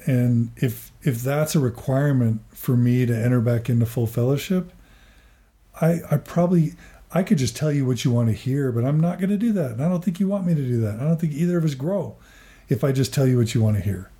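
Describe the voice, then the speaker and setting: 40s guy, therapist type, earnest and halting, lots of restarts, warm mellow voice. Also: mid-range voice. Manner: earnest, halting, many restarts and repeated words. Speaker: therapist and podcaster. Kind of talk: personal reflective interview.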